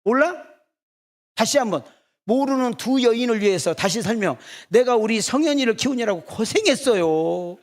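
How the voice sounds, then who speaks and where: High-voiced teasing male preacher. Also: animated, moderate pace. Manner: teasing, rhetorical back-and-forth questions. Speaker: senior pastor. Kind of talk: sermon. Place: church.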